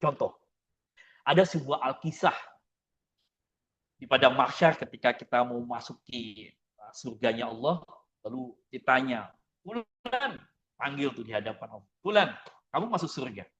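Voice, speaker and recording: A man preaching in a lively way, acting out prayers and little dialogues as he tells his stories. His voice sits in a middle pitch. The recording is slightly dull and lo-fi. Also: normal speed, pauses often. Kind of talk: sermon.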